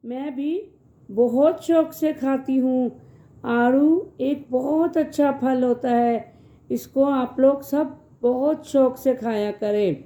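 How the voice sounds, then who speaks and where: Gentle woman teaching children to read. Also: high-pitched, muffled recording. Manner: slow drawn-out syllables, then quick explanations; gentle, calls listeners "beta". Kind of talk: children's reading lesson.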